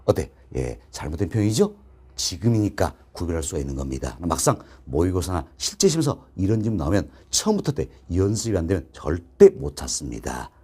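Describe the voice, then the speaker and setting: A man's voice: low voice, big pitch swings, brisk, a little mellow, breathy edge. A middle-aged man teaching a recorded exam-prep lecture, quizzing students with questions and answering them himself, repeating key phrases. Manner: call-and-response teaching, answers his own questions; repetitive, drilling key phrases. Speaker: real estate exam instructor. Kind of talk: online lecture.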